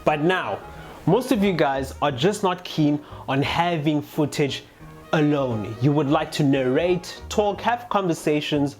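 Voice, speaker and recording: Chatty vlogger doing a casual gear tutorial, mid pitched voice, music playing behind. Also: expressive, measured pace. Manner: chatty, addresses viewers directly. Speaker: motovlogger presenting a gear tutorial. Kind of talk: casual how-to explanation. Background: background music.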